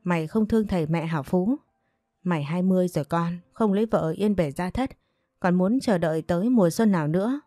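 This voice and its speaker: Hot-tempered older father, shouting and scolding, slightly low and dark, read by a woman. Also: fairly quick, no room sound, studio quality, natural voice. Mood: pleading.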